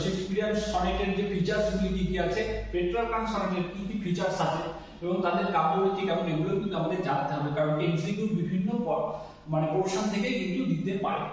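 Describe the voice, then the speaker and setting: A man teaching an exam-prep English lesson, reading each question slowly and often checking that his students follow. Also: high-pitched. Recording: echoey room, distant mic.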